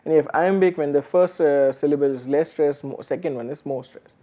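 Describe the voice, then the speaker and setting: A man's voice: a little high, fairly quick. Man lecturing, fillers and restarts. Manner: many fillers and restarts, explanatory. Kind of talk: university lecture. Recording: slightly dull lo-fi recording.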